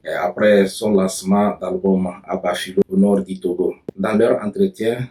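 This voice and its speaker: Deep, even-toned male show host. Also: recorded from a distance. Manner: formal announcer delivery. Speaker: host and producer. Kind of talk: show introduction.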